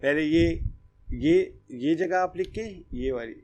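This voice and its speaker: A man gives an online lesson to young children in a slightly raised voice. He talks slowly and patiently, repeating each step and stopping to ask whether the class has understood. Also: a little high, a little mellow. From Pakistan. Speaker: primary school Urdu teacher.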